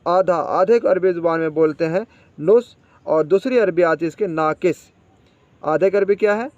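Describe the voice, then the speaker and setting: A man's voice: sits high, normal speed, no echo, muffled recording. A man teaching spoken Arabic vocabulary, repeating each word and quizzing the listener.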